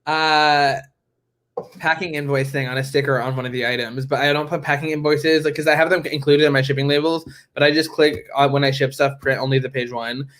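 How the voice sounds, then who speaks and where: A man co-hosting a casual podcast chat, joking and teasing in an animated way. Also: a little high, a little fast. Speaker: podcast co-host.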